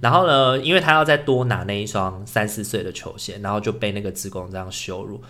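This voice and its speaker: A man, co-hosting a podcast and telling a story in casual chat, animated, acting out what other people said. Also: fairly low pitch, fast. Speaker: podcast co-host, social worker.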